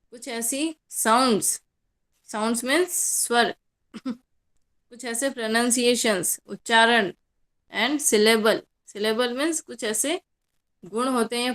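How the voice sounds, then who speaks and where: A woman's voice: on the high side, fairly bright tone. A young woman college lecturer with a Hindi accent, teaching a class in a mix of Hindi and English and answering her own questions.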